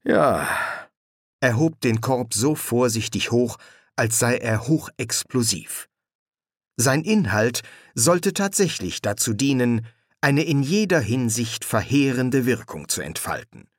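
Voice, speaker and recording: A man narrating an audiobook in a measured, expressive storytelling manner. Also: medium pitch, no room sound, clean studio sound. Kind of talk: scripted narration.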